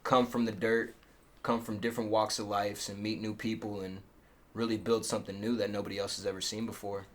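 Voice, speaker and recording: 20-something rap guy, thoughtful and easygoing, voice on the low side. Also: level tone, a little fast. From Salt Lake City. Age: 20s. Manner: thoughtful, finishes others' sentences. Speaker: rapper, interviewee. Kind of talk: casual chat.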